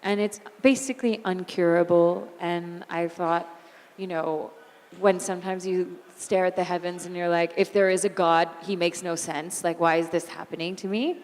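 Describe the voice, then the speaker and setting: Onstage in an event hall full of long reverb, a singer and actor in her thirties talks as an interview guest in a lowish, raspy voice at a moderate pace. She's candid and lively, telling stories about her life and laughing readily.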